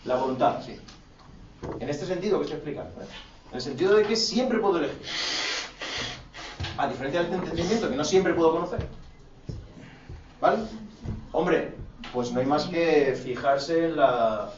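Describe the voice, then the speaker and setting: A man with a high voice and a Spain Spanish accent lectures a philosophy class, piling up rhetorical questions and slipping into blunt, teasing asides to the students. He sounds set back from the microphone in a roomy classroom, and the sound is muffled and dull. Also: moderate pace, pauses often, noisy background. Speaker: philosophy teacher. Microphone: distant room mic. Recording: echoey, dull classroom audio from far off.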